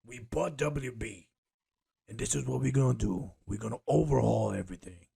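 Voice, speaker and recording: A man's voice: mid-range voice, normal speed, gravelly, dark tone. A man voicing a brash, domineering male corporate CEO who talks in a blunt, dismissive way. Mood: swaggering.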